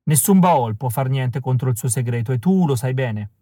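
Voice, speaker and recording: A man's voice: medium pitch, lively intonation, normal speed, warm tone, dry recording, close to an everyday voice. A man voicing a sly, treacherous male villain with a sneering, theatrical manner. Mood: sly mocking. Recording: dry close recording.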